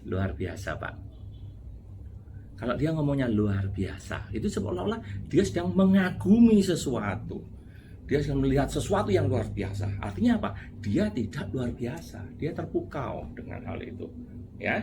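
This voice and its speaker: A man's voice: a little high, big pitch swings, normal speed, background noise. A man giving a casual motivational talk, chatty and full of little tag words. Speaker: motivational speaker.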